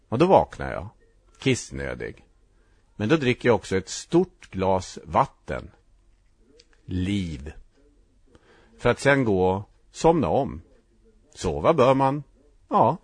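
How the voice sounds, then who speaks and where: A man narrating a first-person story in a reflective, halting way, with short clipped sentences. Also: fairly low pitch, breathy edge, no echo.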